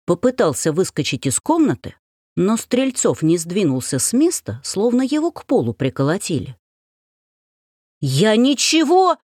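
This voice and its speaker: A woman narrating a first-person story aloud as an audiobook, with expressive delivery. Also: lowish voice, moderate pace, slightly rough, no echo, clean studio sound.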